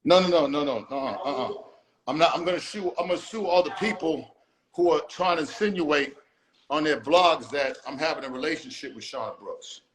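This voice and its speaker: A man's voice: on the high side, fairly quick. A man being interviewed in a casual live video call, speaking emphatically and profanely, often repeating and restarting phrases. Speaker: interview guest.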